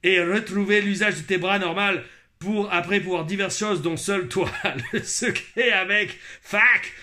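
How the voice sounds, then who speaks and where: A cheeky, teasing Québécois guy, as a man puts him on, stretching his words in a mocking, playful drawl with a put-on Québécois accent. The voice sits a little high and sounds bright and forceful. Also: unhurried.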